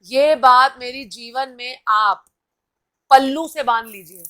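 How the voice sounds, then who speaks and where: A woman's voice: sits high, slow pace, bright, forceful tone. A woman host giving a live-stream motivational talk, coaching viewers directly and reading out their comments. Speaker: TV anchor and host.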